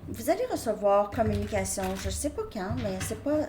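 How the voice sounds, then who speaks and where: A woman's voice: medium pitch, sing-song, moderate pace, background noise. Hesitant woman reading tarot. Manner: hesitant, restarts often, checks in with "ok?". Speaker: tarot reader.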